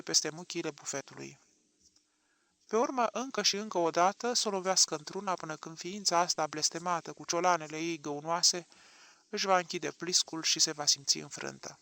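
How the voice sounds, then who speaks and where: A man narrating an audiobook with an expressive, dramatic reading. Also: on the high side, vocal fry, no echo.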